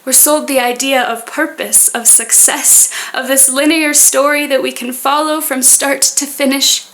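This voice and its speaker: A woman with a high voice recites a spoken word piece. Her delivery is earnest and deliberate, shaped in short poetic phrases. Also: fairly even intonation, a bit bright.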